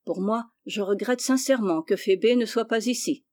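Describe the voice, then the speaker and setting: A woman's voice: medium pitch, moderate pace, a little mellow, no echo, clean studio sound, lightly acted. A woman reading the lines of a frank, fair-minded boy cousin, who explains things candidly. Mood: regretful.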